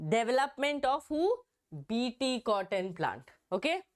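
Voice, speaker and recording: A young woman with a hoarse, strained voice from a throat infection, teaching an exam-prep biology lesson and repeating herself with frequent "okay"s. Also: a little high, big pitch swings, measured pace. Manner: repetitive, checks in with "okay".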